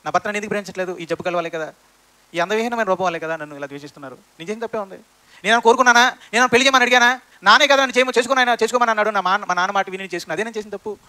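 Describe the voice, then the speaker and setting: A man's voice: sits high, very fast, sharp tone. A man preacher voicing an unloved, grieving young wife who asks plaintive questions about why she is rejected.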